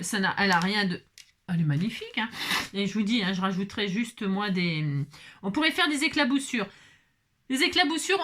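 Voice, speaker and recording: A woman's voice: on the high side, a bit bright. A woman crafter chatting casually through a card-making tutorial, playful and self-mocking, humming to herself as she works.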